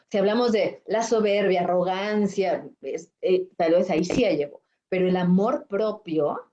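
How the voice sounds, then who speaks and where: A woman's voice: mid-range voice, mellow, lo-fi sound. A woman life coach hosting a reflective spiritual conversation, explaining patiently and acting out quoted thoughts with a rising voice.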